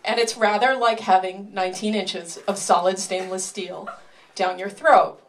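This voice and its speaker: Female sideshow sword swallower, live stage act. Wry, self-deprecating comic delivery, mid-pitched voice, showy announcer pauses. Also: steady tone, poor audio. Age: 30s or older. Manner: showman-like announcing with dramatic pauses. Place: live stage show before an audience.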